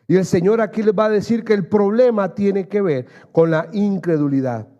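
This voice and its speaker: A man's voice: sits high, normal speed, lo-fi sound. A male pastor preaching an earnest sermon in church, building to emphatic raised passages and calling his listeners dear brother.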